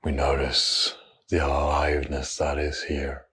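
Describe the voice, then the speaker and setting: A very deep-voiced man, husky and breathy, quietly guides a meditation. Each short phrase comes slowly and evenly, followed by a long pause.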